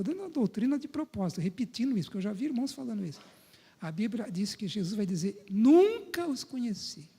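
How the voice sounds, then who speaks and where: A male pastor from Brazil preaching in a church, talking with his congregation and tossing in frequent tag questions. His voice sits high but sounds warm and mellow, with a soft husky edge. A long hall reverb trails after his words. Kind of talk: sermon. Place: church sanctuary.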